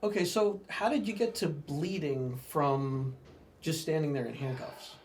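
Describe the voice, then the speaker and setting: A male podcast host with a fairly high voice asks questions and sums up his guest's story. A faint hiss runs behind him. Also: a little slow, darkish tone. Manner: prompting, summarizing questions. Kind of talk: casual interview.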